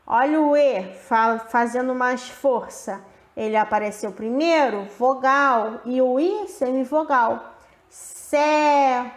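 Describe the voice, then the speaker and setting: A woman teaching a grammar lesson with a high voice, drawing each example word out with care. Her delivery is slow and deliberate, and the sound rings off the walls of an echoey room.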